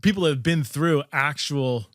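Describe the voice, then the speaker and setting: A man's voice: fairly high pitch, measured pace, no room sound. Engaged male podcast guest, dry sound. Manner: engaged, backs up the host with frequent affirmations. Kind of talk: conversational podcast interview.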